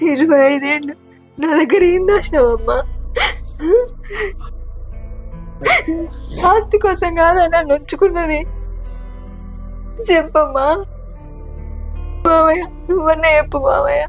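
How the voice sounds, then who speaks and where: A crying young daughter, played by a woman,, her voice high and breaking. She pleads with her mother in a drama while soft music plays underneath. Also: normal speed, pauses often. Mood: desperate. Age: young adult. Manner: sobbing, pleading speech. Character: young married daughter, tearful, pleading, defiant. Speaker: married daughter.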